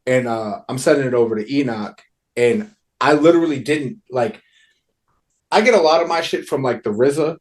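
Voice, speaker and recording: A man's voice: mid-range voice, normal speed. A man talking as a guest musician in a casual chat, laid-back, full of slang and "you know what I mean".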